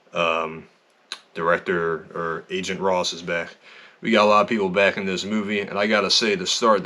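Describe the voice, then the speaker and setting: A man talking through a movie review in a casual, conversational way, with frequent fillers and lively bursts. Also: low voice. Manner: conversational, lots of fillers, animated.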